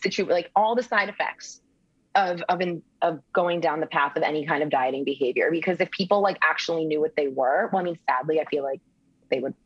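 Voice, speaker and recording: A woman's voice: low voice, brisk, husky, dry recording. A woman co-hosting a podcast in casual conversation, earnest and rambling with lots of fillers. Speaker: podcast co-host. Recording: dry, dull lo-fi sound.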